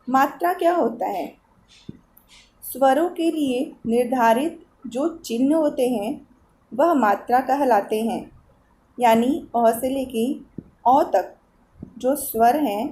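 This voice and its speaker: A woman's voice: a little high, mellow, slight background noise. A woman teacher explaining a Hindi grammar lesson to children, patiently asking questions as she goes. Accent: Eastern Uttar Pradesh Hindi. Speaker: school teacher.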